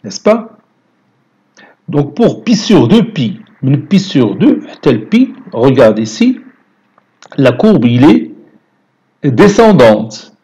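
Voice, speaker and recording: A man's voice: mid-range voice, very animated, takes it slowly, long pauses, warm tone, breathy edge, highs cut off. A man with a Moroccan accent teaching math, explaining a graph step by step and mixing French with Moroccan Arabic. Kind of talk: lecture.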